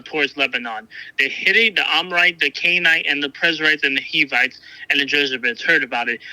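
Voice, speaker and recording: A man's voice: a little high, bright, forceful tone, no room sound, poor audio. A man reading a Bible passage aloud and then discussing it casually, often stumbling and restarting his sentences. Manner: halting, frequent restarts and fillers. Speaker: Bible reader and discussion partner.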